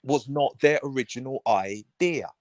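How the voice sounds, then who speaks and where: A man's voice: medium pitch, measured pace, dry recording, clean studio sound. A man arguing in a casual chat, slangy and emphatic.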